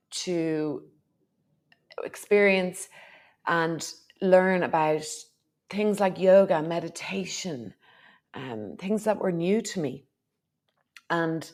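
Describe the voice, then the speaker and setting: A woman's voice: on the low side, darkish tone. An Irish woman, a podcast guest who runs retreats, reflecting on her life story in a casual conversational interview. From Ireland. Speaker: podcast guest, retreat host and yoga teacher.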